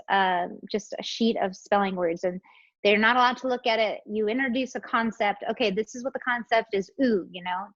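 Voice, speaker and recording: A woman pastor hosts a casual panel discussion, explaining things chattily with many fillers. Her voice is medium in pitch, and the recording is dull, lo-fi and dry.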